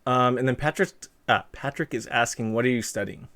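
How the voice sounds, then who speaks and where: A young man with a mid-range, fairly bright voice hosts a live stream at a brisk pace, chatting casually with a guest he's interviewing. He reads out viewer comments in an easygoing, rambling way, full of fillers and restarts.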